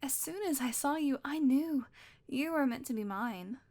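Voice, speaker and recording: In an audio roleplay, a young woman voices a possessive, obsessive witch with a high, expressive voice at normal speed. She coaxes sweetly and controls softly, frequently slipping into whispers.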